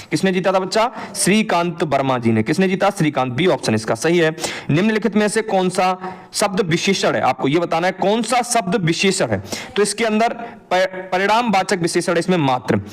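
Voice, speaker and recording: A man teaching an exam answer walkthrough, asking his students a question and then answering it himself. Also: high-pitched.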